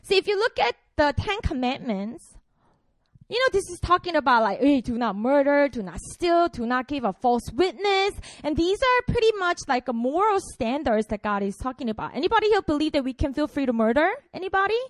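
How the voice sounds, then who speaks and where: A Korean woman in her twenties, a pastor, gives a casual and playful sermon to students in a high, sing-song voice that moves a little fast. She's chatty and uses lots of fillers, and the recording has no echo.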